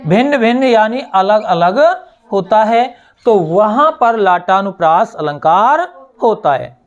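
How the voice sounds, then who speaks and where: A woman teacher giving a slow classroom explanation, asking her students questions and answering them herself, repeating key words. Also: mid-range voice, lively intonation, lo-fi sound, soft background music. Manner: recites verse lines slowly, word by word.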